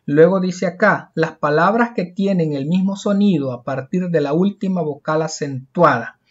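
Speaking in a fairly high pitch, a man teaches a lesson by asking his own questions and then answering them, slowing to spell example words out letter by letter. It's captured on a dull, lo-fi recording.

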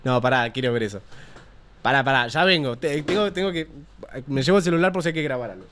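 A man's voice: mid-range voice, fast talker, fairly bright tone, slight background noise. A man with an Argentine Spanish accent hosting a casual news commentary show, opinionated and profane. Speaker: show host.

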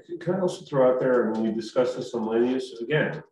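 A man, a council member, speaking in a relaxed, joking way during a meeting discussion. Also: mid-range voice, fairly quick, slight background noise. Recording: echoey room, distant mic.

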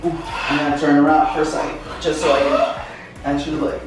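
A man's voice: a little high, little pitch movement, brisk. A man in his twenties bantering casually as he hosts a challenge vlog. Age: 20s. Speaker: YouTube vlog host. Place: hotel bedroom and tiled bathroom. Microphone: camera mic a few meters away. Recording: roomy, distant camera mic, music.

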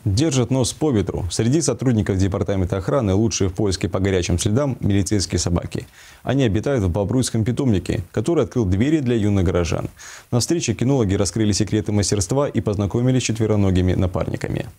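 Male anchor, fast scripted newsread, warm dark tone. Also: lowish voice. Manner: brisk, even newsreader delivery. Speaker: news anchor. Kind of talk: scripted news reading.

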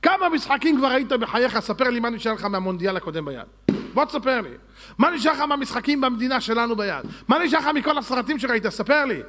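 A rabbi giving a Torah lecture, preaching fiercely with scolding rhetorical questions and sarcastic asides. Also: male voice, extremely high pitch, lively intonation, a bit bright.

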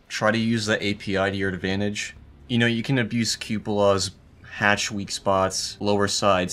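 A man's voice: lowish voice, a bit bright. A young man giving casual, dry and wry commentary over his own gameplay, laughing now and then. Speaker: gaming YouTuber.

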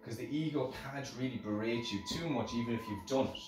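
A man's voice: medium pitch, a little fast. Irish guy doing a rambly pep talk, repeats himself, far from the mic in a really echoey room. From Ireland. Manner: rambling, repeats phrases for emphasis. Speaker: musical instrument maker sharing lessons learnt. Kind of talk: casual motivational talk to camera. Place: hard-surfaced workshop room, indoors. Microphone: camera a few metres away. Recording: very echoey room, distant microphone, music.

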